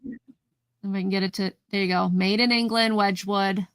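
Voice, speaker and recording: A woman's voice: mid-range voice, fairly even intonation, normal speed, clean tone, no room sound. A woman hosting a casual live vintage sale, chatting as she describes each item in detail and counts down the sales. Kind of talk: casual live-stream selling.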